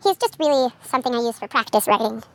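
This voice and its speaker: A woman's voice: on the high side, animated, racing. A young woman chatting casually and rambling as she shows her own character drawings, easily distracted. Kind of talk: casual chat.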